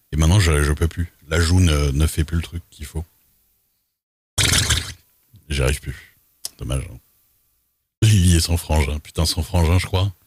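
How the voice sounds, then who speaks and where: Male streamer with a strikingly low, husky voice, dry and close, casual and rambling. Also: darkish tone, dry recording. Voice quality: unusual, very deep voice. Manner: reads rules aloud with loose asides. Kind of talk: casual livestream chat while role-playing.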